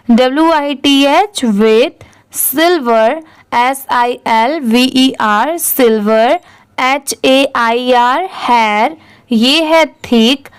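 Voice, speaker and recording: Woman teacher, smooth crisp voice, spells out words and quizzes herself as she goes. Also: high-pitched. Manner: spells words letter by letter, asks and answers her own questions; reads English text word by word, very slowly. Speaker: English reading teacher. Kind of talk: slow spelled-out reading lesson.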